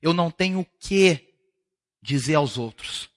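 A man's voice: a little high, animated, a little slow. A male pastor preaching a sermon at a church service, talking to the congregation in a conversational way and asking them questions.

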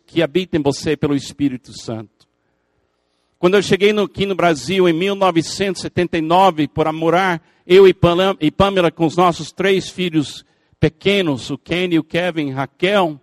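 In this sermon, an older pastor speaking English natively, with a lilt, grows more intense through emphatic, repeated phrases and earnest preaching. There's no room sound; his voice is high for a man and sounds close and dry. Every so often he turns to the listeners with a playful aside.

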